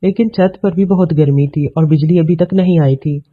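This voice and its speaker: A man narrating a scripted story in a steady, even reading manner. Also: fairly high pitch. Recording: tinny, phone-like audio.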